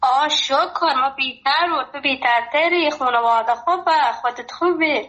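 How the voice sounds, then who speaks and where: A woman's voice: high-pitched, pushed and bright. A woman from Farah province in Afghanistan with a Farahi Dari accent, calling in to a show and chatting playfully, laughing often. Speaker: caller. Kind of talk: phone call-in chat. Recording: dull phone line.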